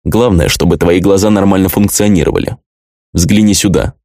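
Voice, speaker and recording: A merciless young male avenger, as the audiobook reader voices him, cold and unhurried. His low voice stays flat and detached, never rising. Close, dry studio sound. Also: gravelly, no echo.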